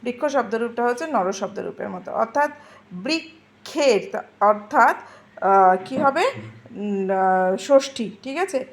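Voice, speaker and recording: A woman's voice: on the high side, animated, slight background noise. A woman teacher patiently explaining Sanskrit grammar to students, repeating word forms and checking they follow. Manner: patient, repeats forms slowly and asks "ঠিক আছে?".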